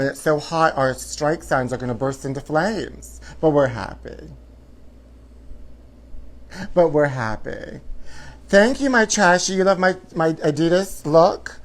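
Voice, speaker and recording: Sassy, campy male livestream host. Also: fairly high pitch. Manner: sassy, campy drag-queen-like delivery. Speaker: host of a live tabloid gossip show. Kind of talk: casual livestream chat to viewers.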